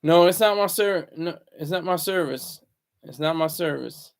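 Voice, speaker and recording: Keeping his voice purposely quiet and low, a livestream host talks to viewers casually from a room in his home, frequently stopping and repeating himself.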